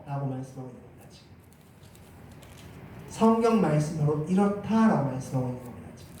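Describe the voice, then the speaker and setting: A man's voice: high-pitched, darkish tone, slight background noise. A man preaching a Sunday sermon as pastor, emphatic, his voice rising when he voices scripture. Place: church sanctuary. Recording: very echoey church hall, mic at a distance.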